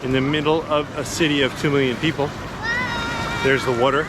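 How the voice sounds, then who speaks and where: A vlogger leads a casual walking tour through a busy city park, talking into a handheld action camera. His medium-pitched voice is steady and brisk, chatty and laid-back yet enthusiastic. The outdoor recording is clear and picks up city noise.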